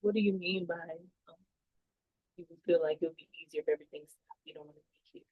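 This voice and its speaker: A woman playing a calm, sympathetic counselor in a mock session, reflecting back hesitantly like a therapist. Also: on the low side, quick pace, phone-quality sound, natural voice. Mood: careful, probing. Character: calm, sympathetic counselor listening to a client in crisis. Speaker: counselor in a role play.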